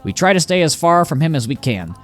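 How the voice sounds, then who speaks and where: A man's voice: a little high, sing-song, fairly quick, faint music behind. A man voicing a put-upon male robot clerk who whines and grumbles about his boss, reading game dialogue aloud. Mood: grumbling. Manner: whiny, complaining.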